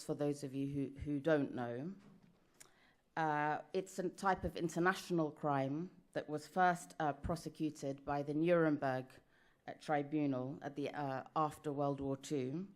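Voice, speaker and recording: A British woman with a low voice delivers a careful conference talk, slow and measured. She sounds like a panelist addressing a hall. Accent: British English. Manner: measured and careful, speaks slowly.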